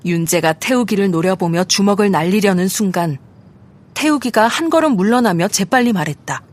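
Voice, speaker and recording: A woman narrates an audiobook story with steady, measured storytelling. Her voice sits at a mid pitch for a woman. She reads the scripted narration evenly.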